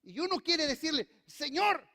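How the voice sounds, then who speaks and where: A man's voice: very high-pitched, animated, measured pace, a bit bright. A male pastor preaching a sermon, speaking emphatically and calling on the congregation to repeat after him. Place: church hall. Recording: long reverb of a church hall.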